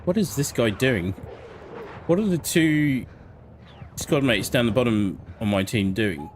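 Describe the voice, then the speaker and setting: A man's voice: medium pitch, expressive, measured pace. A man doing casual live commentary as he streams his gameplay. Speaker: game livestreamer. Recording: faint game noise behind voice. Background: faint shooter game sounds.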